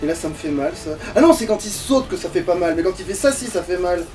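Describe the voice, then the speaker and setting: With a mid-range voice that's a little mellow, this fast-talking let's play streamer keeps the intonation lively while cursing and complaining about the game. Video game music plays behind, and the mic is far off.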